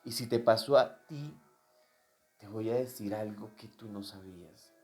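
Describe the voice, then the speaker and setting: A man preaching a sermon, telling his own story straight to the listener, dropping to a hush and then rising to loud, emphatic peaks. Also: lowish voice, a little slow, soft background music. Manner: personal testimony addressed directly to the listener.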